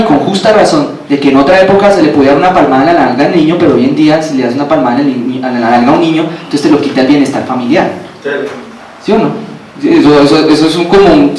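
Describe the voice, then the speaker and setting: A man preaching a sermon, asking the congregation questions and repeating phrases for emphasis. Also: high-pitched. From Colombia. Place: church hall. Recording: very echoey hall, from far off, faint background noise.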